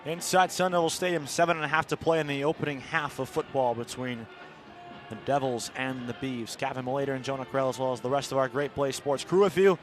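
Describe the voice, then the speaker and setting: With a mid-range, fairly bright voice, an American man delivers live radio play-by-play of college football from his spot in the stadium. Background noise from the outdoor venue is audible.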